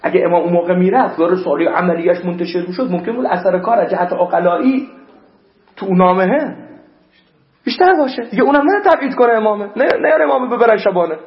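In a high voice, a male cleric delivers lively preaching interspersed with recitations of Arabic verses. The sound is lo-fi, muffled and dull, with a roomy echo.

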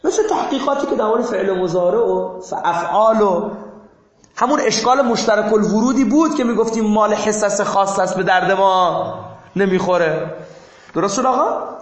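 High-pitched guy teaching a class, gets loud and emphatic then quiet, roomy echo. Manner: animated, swings between low asides and rising emphatic bursts. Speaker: seminary teacher. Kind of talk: classroom lecture.

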